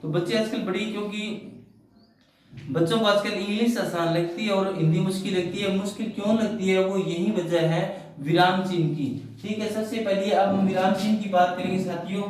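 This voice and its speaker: A man's voice: high voice, fairly even intonation, normal speed. Man teaching in a very echoey room. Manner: repetitive, asks and answers his own questions. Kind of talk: classroom-style explanation. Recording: very echoey room, mic far off.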